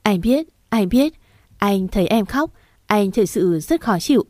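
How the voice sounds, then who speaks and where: A woman reading the lines of a tender, earnest young husband in a storybook romance, in a gentle, reassuring way. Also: mid-range voice, animated, unhurried, no room sound, studio quality, natural voice.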